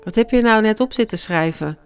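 A narrator voicing a hurried male hospital surgeon who talks in a brusque, reassuring way, in a smooth, clear voice over faint music. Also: medium pitch, pitched above the performer's own voice, natural voice. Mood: puzzled.

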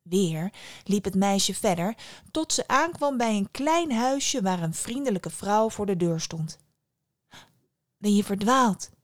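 A woman's voice: medium pitch, a little slow, no echo, clean studio sound. Woman telling a fairy tale. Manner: calm, expressive narration. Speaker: podcast host and storyteller.

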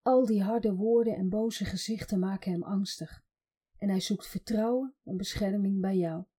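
Brief: female storyteller, dark husky tone, calm and direct coaching voice. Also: medium pitch. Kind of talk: scripted storytelling narration.

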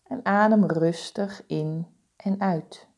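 A woman leading a guided body-scan meditation, giving calm, soothing, deliberate instructions with pauses. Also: medium pitch.

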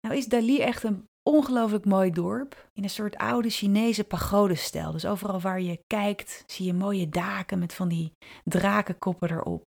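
A woman podcast host telling a personal story in an intimate, vivid way, slowing and drawing out her phrases and dropping into soft asides. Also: medium pitch, creaky. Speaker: podcast host and brand strategist.

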